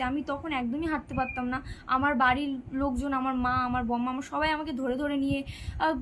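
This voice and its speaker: A woman's voice: high voice, fairly bright tone, a little hiss or hum, poor audio. A sixteen-year-old girl chatting on a live stream, reading out viewers' comments and answering their questions. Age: teenager, 16. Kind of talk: casual live-stream chat.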